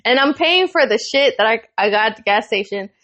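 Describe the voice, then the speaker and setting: Young woman co-host, lively and foul-mouthed, raised pitch, casual chat. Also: a little fast, dull audio. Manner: animated, profane, laughs often. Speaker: podcast co-host.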